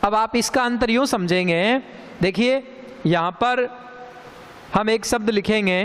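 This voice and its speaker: A man teaching a grammar lesson, speaking slowly and deliberately and repeating sounds for emphasis. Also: sits high, a bit bright, slight background noise. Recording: long hall reverb.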